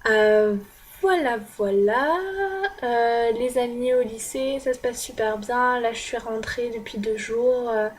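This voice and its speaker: Teen girl from France, exchange-student vlogger, casual hesitant chat, rather high voice, unhurried. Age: teenager. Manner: chatty, hesitant, many filler sounds. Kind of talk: casual vlog recap.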